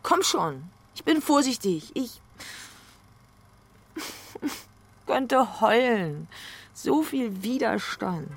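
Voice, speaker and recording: Brief: actress as a clingy, pleading woman; high, lively pitch, very slow, halting delivery. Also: heavily acted. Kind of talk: stage monologue.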